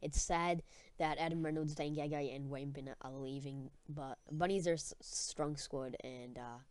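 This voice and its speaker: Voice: mid-range voice, fairly even intonation, moderate pace, darkish tone, smooth, dry recording. A young student with an Australian accent hosting a casual sports chat podcast in matey, slangy talk. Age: teenager or young student. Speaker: podcast host.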